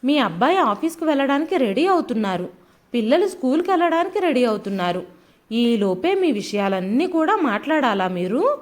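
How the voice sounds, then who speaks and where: A woman voicing a sharp-tongued young daughter-in-law who scolds sarcastically. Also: high voice, big pitch swings, brisk. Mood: angry scolding.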